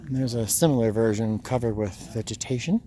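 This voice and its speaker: The man talks briskly in a warm, mid-range voice. He's an American vlogger from Rhode Island casually speaking to viewers as he explores a tourist site outdoors and in small huts, wryly thinking aloud, while the handheld camera catches outdoor ambient noise.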